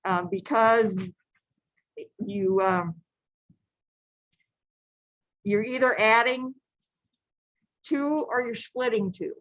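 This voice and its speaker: A woman's voice: a little high, extremely slow, pauses often, a bit bright, no echo, rough recording. A woman teaching a beading stitch live, giving patient, repetitive step-by-step instructions and sometimes correcting herself. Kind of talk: step-by-step craft tutorial.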